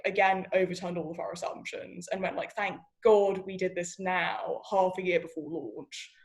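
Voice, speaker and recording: Candid, chatty woman founder. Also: lowish voice. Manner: candid, chatty, uses many fillers. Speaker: startup founder. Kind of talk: casual interview answers.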